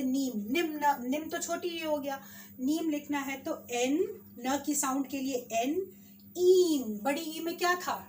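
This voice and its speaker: A woman teacher with an Indian accent, slowly sounding out words for children in a spelling lesson. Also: sits high, recorded from a distance, a little hiss or hum. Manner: slow, drawn-out sounding of words.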